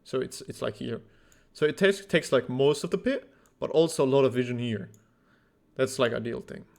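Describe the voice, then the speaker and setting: Gravelly, blunt esports coach. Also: male voice, mid-range voice, lively intonation, normal speed, a little mellow. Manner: blunt, teasing, thinks aloud with fillers. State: out of breath. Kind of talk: casual game replay review.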